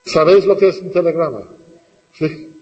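A man's voice: a little high, moderate pace, long reverb tail, dull audio. A middle-aged man teaching a classroom lesson, patiently asking questions and repeating the students' answers.

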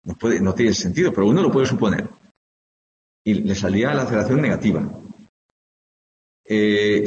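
A man's voice: medium pitch, darkish tone. A male physics teacher from lecturing informally, explaining step by step and thinking aloud as he checks with his students. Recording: echoey hall, dull lo-fi sound, faint background noise.

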